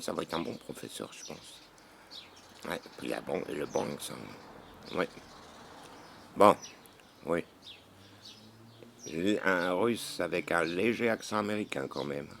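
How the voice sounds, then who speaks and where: A man's voice: deep voice, gravelly, a bit bright, a little hiss or hum. A man from France in casual chat with a slightly worn-out voice, folksy and talkative. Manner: chatty, folksy, keeps saying "mon gars". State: voice a bit worn out. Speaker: vlogger.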